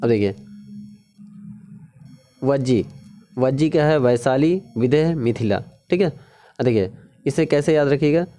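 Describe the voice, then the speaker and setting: Mellow-voiced man teaching exam tricks. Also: mid-range voice, lively intonation. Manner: repetitive, keeps asking "ठीक है?"; drawn-out sing-song pronunciation drills. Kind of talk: casual Hindi GK lesson.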